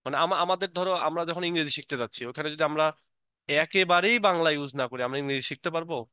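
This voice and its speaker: A male teacher gives an online lecture, his voice clear and resonant. He reads English passages slowly, then explains them in a relaxed, filler-laden way. The sound is close and dry. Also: fairly high pitch, dry recording, dull audio. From Bangladesh.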